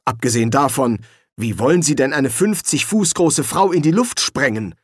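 A man's voice: medium pitch, animated, normal speed, husky, dry recording, clean studio sound. A man reading an audiobook, voicing a pompous old wizard dean who snaps and lectures. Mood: snapping. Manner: snappish, lecturing.

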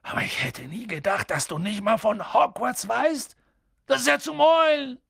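Man doing a giant, gruff, hot-tempered, whispers then bellows, very lively pitch, husky. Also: measured pace, dry recording, studio quality, exaggerated voice. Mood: indignant. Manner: swings from hushed whispers to booming shouts. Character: huge gruff male giant, loud-tempered and kind. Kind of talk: audiobook reading.

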